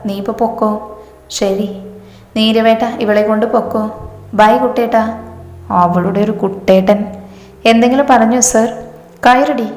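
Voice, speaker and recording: A woman reading aloud a romantic story, voicing all the characters in one even voice. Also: medium pitch. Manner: flat, even reading of every part in one voice. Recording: echoey room with long reverb.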